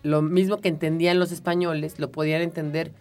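Mexican woman co-host, low-ish voice, patient explainer, soft music under. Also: little pitch movement, fairly quick. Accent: Mexican Spanish. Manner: explains patiently, often tags "¿no?" and fills with "este". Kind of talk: explanatory radio chat.

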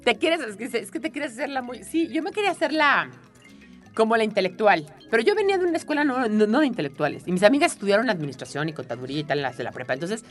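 A woman's voice: a little high, big pitch swings, quick pace, faint music behind. Mexican woman co-host, chatty storyteller with a swooping voice. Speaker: radio show co-host. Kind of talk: casual storytelling chat.

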